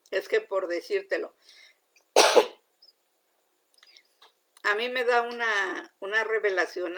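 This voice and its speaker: Earnest gravelly-voiced woman preaching. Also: medium pitch. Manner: earnest, emotional, asks listeners "¿sí?" often. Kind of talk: informal sermon with personal testimony.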